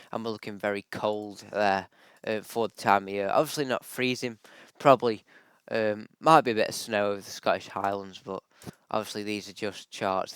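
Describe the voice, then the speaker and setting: This weather forecaster has a lowish, fairly bright, smooth voice, though a bad cold leaves it slightly off. Chatting over screen-shared charts in a casual vlog, he thinks aloud with frequent ums and likes. The recording has no echo.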